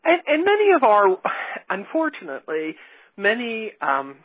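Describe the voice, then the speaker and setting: A woman's voice: medium pitch, wildly swooping pitch, normal speed, slightly rough, no room sound, rough recording. A woman hosting a spiritual podcast interview, talking in an earnest, emphatic way. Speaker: podcast host.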